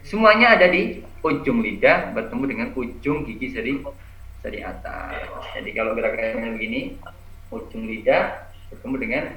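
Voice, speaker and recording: A man teaching Quran letter pronunciation over a video call, slowly modelling each sound and repeating it. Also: medium pitch, pushed and bright. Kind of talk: online recitation lesson. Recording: echoey, dull video-call audio.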